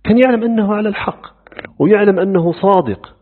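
A middle-aged man teaching a lecture on religious creed, animated, asking rhetorical questions and answering them himself. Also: sits high, quick pace. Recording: tinny phone-like lo-fi recording.

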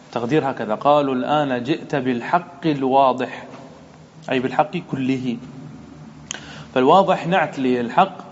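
A man's voice: mid-range voice, muffled recording, a little hiss or hum. A man, a sheikh, teaching a grammar lesson in a methodical way, asking and answering his own questions.

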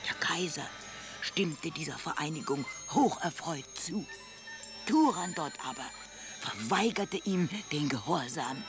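A woman's voice: low voice, lively intonation. A woman playing a poor, fearful widow who gossips in a radio drama. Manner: slow, confiding, gossiping. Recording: music underneath.

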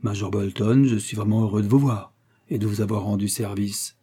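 Un homme faisant un éclaireur de la frontière, laconique et tranquille, voix chaude et voilée, dans un roman d'aventures lu. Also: male voice, lowish voice, a little fast, slightly rough. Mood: calm. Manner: calm, matter-of-fact. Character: steady frontier army scout, calm man.

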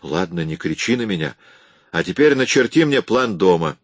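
A man reading an audiobook, voicing a bored, spoiled young rich woman with flat, reluctant replies. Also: low-pitched, normal speed, no echo, studio quality. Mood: weary.

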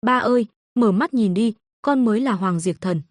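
A stubborn little boy who answers back with indignation, as a woman narrator reads him. The voice is fairly high and the recording is dry and close. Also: normal speed, no echo, close to an everyday voice. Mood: desperate. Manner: indignant, shouting for help.

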